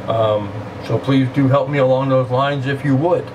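A man in his sixties with a grandfatherly, unhurried way of talking, speaking casually and reading poetry to camera in a small room. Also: mid-range voice, steady tone. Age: 60s. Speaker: host of a reading channel. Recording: distant mic, clear air-conditioning hum.

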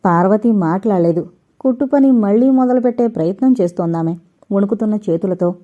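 Woman reading an audio novel, mellow. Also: mid-range voice, fairly quick, dull audio. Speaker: narrator.

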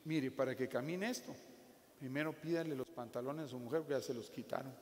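A man's voice: mid-range voice, fairly quick, a little hiss or hum. A man preaching a sermon with a Guatemalan Spanish accent, joking and acting out little scenes as he talks. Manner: jokey, animated preaching with acted asides. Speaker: pastor. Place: church hall. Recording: echoey hall with faint ambience.

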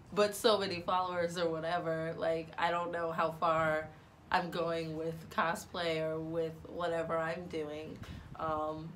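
A woman's voice: on the low side, a bit bright, slight background noise. Chatty, rambling young woman vlogger. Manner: chatty and rambling, with many "like"s and restarts; self-deprecating and upbeat. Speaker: cosplay vlogger. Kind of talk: casual motivational vlog.

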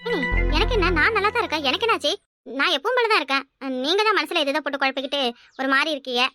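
Woman voicing a defensive young cartoon village girl, squeaky high, kanyakumari tamil accent. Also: very fast, bright, forceful tone, dry recording, clean studio sound, soft background music. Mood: evasive. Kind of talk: cartoon voice acting.

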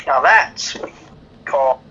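A man joins a gaming session as a guest player, chatting casually in a joking, playful way with silly interjections. He speaks slowly in a bright, forceful tone, and the audio sounds dull.

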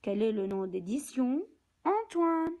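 A woman teaching young children from a picture book, speaking slowly and deliberately, repeating words and counting aloud. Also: high voice, expressive, darkish tone, rough recording.

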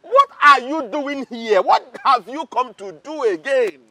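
Pompous, hot-tempered palace guard. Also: male voice, very high-pitched, lively intonation, measured pace, no echo, full character voice. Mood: angry scornful. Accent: Nigerian. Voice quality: loud, scornful and pompous.

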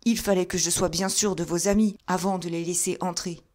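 Woman voicing a gruff stubborn doorkeeper. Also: lowish voice, steady tone, brisk, darkish tone, close to an everyday voice. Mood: hearty. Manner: blunt, stubborn, then hearty. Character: gruff stocky male doorkeeper, former boxer.

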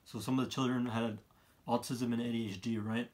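Man in his twenties, medium pitch, casual vlog monologue, opinionated, halting, repetitive phrasing. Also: level tone, a little mellow. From Canada. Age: 20s. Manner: rambling, halting, repeats and restarts phrases. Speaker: vlogger, college student. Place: small room indoors, seated by a wall.

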